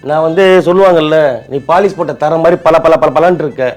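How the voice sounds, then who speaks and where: A man's voice: on the high side, steady tone, fast, a little mellow, soft background music. A man in a comic sketch, pleading and putting himself down in a whiny way. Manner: pleading, self-deprecating, whiny. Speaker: comedy prank performer.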